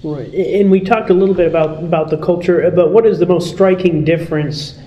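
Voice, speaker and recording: A man with an American accent asking conversational interview questions in a halting, tentative way. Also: a little high, steady tone. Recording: echoey room, dull sound, faint noise.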